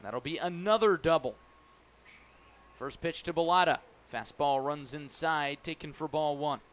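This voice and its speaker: On live radio, a male play-by-play announcer calls a baseball game, describing each pitch in detail at a measured pace. His descriptive style turns excited, rising on the big plays, with clear ballpark ambience in the background.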